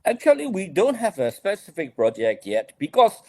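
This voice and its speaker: A man's voice: sits high, wildly swooping pitch, normal speed, darkish tone, no room sound. A man with a Burmese accent co-hosts a live-streamed panel, speaking hesitant English and often repeating his words. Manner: hesitant, repetitive non-native English. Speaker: club leader and co-host.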